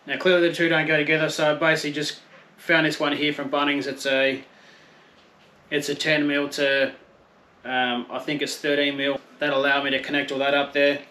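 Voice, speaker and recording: Fairly quick and monotone, his bright, forceful voice sits a little high. He's a camping vlogger in his thirties with an Australian accent, casually unboxing and reviewing gear with a chatty, self-deprecating style and mild swearing, on an outdoor patio and then in a garage.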